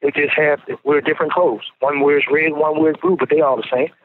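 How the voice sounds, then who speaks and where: A man's voice: a little high, fairly even intonation, brisk. A man speaking earnestly on a payphone call from prison, often repeating words as he restarts. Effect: payphone call over a tinny prison phone line. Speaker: incarcerated interviewee calling in. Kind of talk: casual phone interview. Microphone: prison payphone handset. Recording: tinny phone line.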